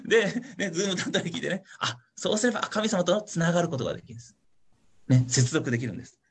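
A man with a slightly high, animated voice and a breathy edge talks fast. He's a pastor leading an online Bible study with his congregation, giving a casual teaching sermon in a chatty, playful way; he keeps ending sentences with a questioning "ne" aimed at listeners and plays out little voices when giving examples.

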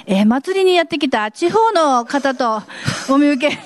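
Polite high-voiced woman interviewer. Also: expressive, a little slow, dry recording. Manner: bright, polite interviewer, explaining. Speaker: skit reporter and Bible teacher. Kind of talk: mock street interview.

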